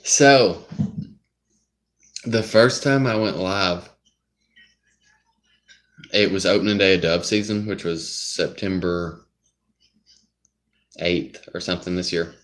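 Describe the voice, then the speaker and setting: A man's voice: deep voice, slow pace, long pauses. A young man with a Southern US accent, rambling in casual live-stream chat and drifting off topic. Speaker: livestreamer.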